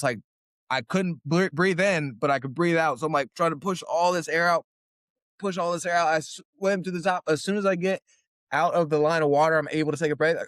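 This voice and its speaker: A man's voice: a little high, fairly bright tone, no echo, clean studio sound. A young man, a guest fighter, telling a story in a casual interview and acting out his own quotes.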